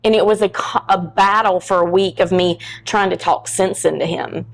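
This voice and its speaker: A woman's voice: on the low side, fairly even intonation, moderate pace, vocal fry, poor audio. A middle-aged woman, a podcast guest telling a personal story in a candid, frank way and acting out the lines of people in it. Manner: candid and frank, acts out quoted dialogue.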